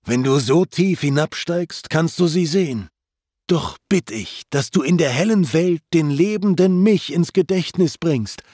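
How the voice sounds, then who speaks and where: A man's voice: on the high side, lively intonation, a little slow, mellow, dry recording, clean studio sound, voice pushed up. A man reading the part of a lamenting male glutton's ghost in an epic poem, with raised, pleading declamation.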